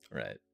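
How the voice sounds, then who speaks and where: A man's voice: high-pitched, vocal fry, warm tone, breathy edge. A man streaming a card game, ranting profanely with frustrated laughs between lines. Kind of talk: casual gameplay commentary.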